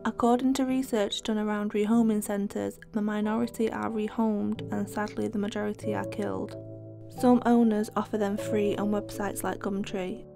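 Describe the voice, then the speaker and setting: Flat-toned young woman narrating. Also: medium pitch, moderate pace, gravelly. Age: young adult. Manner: steady, even read-aloud delivery. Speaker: documentary narrator. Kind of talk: scripted voice-over narration. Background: guitar music.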